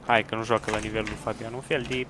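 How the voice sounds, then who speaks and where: A man's voice: lowish voice, flat delivery, background noise. A man watching his friends play a match, teasing them and commenting casually from the side. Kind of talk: casual gaming banter.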